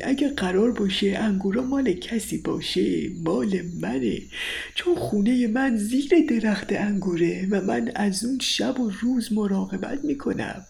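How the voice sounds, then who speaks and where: Woman reading as an old male mouse, wise peacemaker, gravelly, storybook. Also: mid-range voice, close to an everyday voice. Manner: calm, fatherly, pleading for peace.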